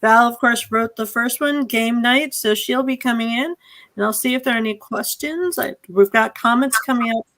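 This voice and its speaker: On a video call, a woman moderates an informal Q&A for a community theatre talkback, sounding effusive and thankful. Her voice is on the high side and a bit bright, at a moderate pace.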